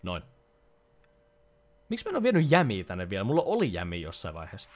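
Young man, animated let's-play chatter, jokey asides, slight background noise. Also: sits low. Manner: chatty, reads game dialogue aloud, jokey asides. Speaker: gaming YouTuber. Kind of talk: casual let's-play commentary.

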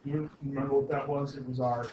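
A man's voice: medium pitch, level tone, fairly quick. A man giving a university anatomy lecture, explaining step by step with many fillers and self-corrections and asking the class questions. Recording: muffled lo-fi classroom recording with faint noise.

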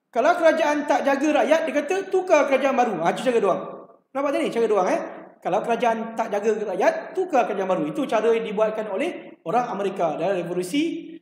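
An older man with a Malaysian Malay accent teaching a history class, chatty and repetitive, quizzing his students with memory tricks. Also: very high voice. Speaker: history tutor. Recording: echoey classroom, long reverb.

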